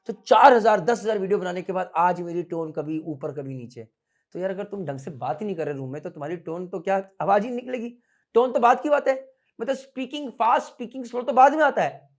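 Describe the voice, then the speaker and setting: A man in his thirties with a fairly high voice coaches students in a classroom. His delivery is animated, jumping between quick bursts and slow, deliberate stretches, and between loud and soft. He mixes Hindi and English freely and teases his students now and then. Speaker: merchant navy coaching instructor. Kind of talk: casual Hindi-English teaching talk. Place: classroom with students standing behind.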